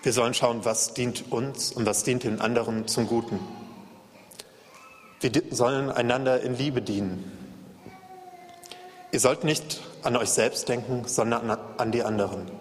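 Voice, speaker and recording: A man preaching a sermon in a calm way, repeating key phrases for emphasis. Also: mid-range voice, measured pace, pauses often, big-room sound.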